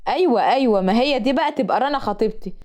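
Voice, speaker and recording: A woman's voice: a little high, animated, rapid-fire, darkish tone, close to an everyday voice. A woman voicing a smug young male university lecturer with an Egyptian accent. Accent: Egyptian Arabic. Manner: smug, matter-of-fact.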